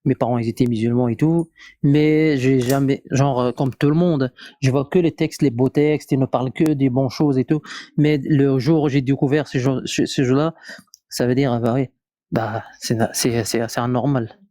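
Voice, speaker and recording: Halting man with a Moroccan accent in French. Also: medium pitch, steady tone, mellow, dry recording, studio quality. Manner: halting, searching for words, repeats himself. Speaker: live discussion participant. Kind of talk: casual live debate.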